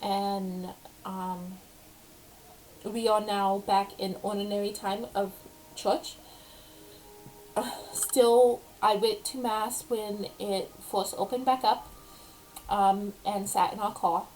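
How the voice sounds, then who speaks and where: A young woman with a speech impediment giving a casual personal update as a vlogger, speaking haltingly with many ums. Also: medium pitch, steady tone, darkish tone, slight background noise, rough recording.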